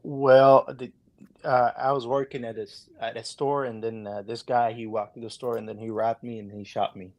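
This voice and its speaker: A man's voice: medium pitch, flat delivery, moderate pace, darkish tone, lo-fi sound. A man with an Arabic accent calling in and telling his account casually, politely and hesitantly, often repeating himself. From Saudi Arabia. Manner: hesitant, repetitive, polite, addressing listener as brother. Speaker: caller.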